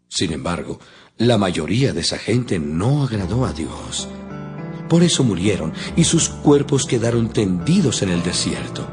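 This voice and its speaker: Casting: an earnest, stern apostle for a dramatized audio scripture, lowish register, solemn preacherly emphasis, light score underneath. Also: male voice, a little mellow. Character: apostle Paul, earnest, stern male preacher to his flock. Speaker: Bible reader voicing the apostle Paul. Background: music behind the voice.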